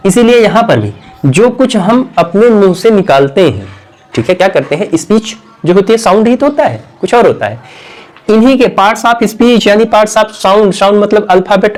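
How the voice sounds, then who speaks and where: A man teaching a grammar lesson who keeps asking questions and answering them himself, repeating key words, and now and then clearing his throat. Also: high voice, a little mellow.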